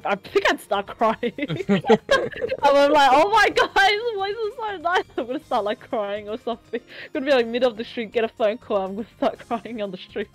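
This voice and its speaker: A woman hosting a casual podcast chat, excitable and laughing often. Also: medium pitch, poor audio. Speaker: podcast host.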